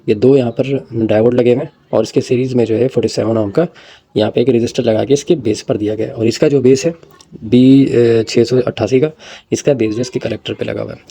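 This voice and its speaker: Mellow-voiced man explaining a circuit. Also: medium pitch, breathy edge. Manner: repeats "ٹھیک ہے" as a check-in, with drawn-out "آ" pauses. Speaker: electronics tutorial host. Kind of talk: casual walkthrough of a circuit diagram.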